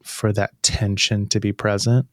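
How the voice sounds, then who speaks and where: Calm, thoughtful man with a lowish voice. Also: a little slow. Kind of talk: casual podcast conversation.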